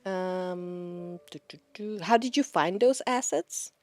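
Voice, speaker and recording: Slow-talking woman streamer. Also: lowish voice, darkish tone. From Czech Republic. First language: Czech. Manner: rambling, laughs often. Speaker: VTuber streamer. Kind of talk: casual chat with live chat.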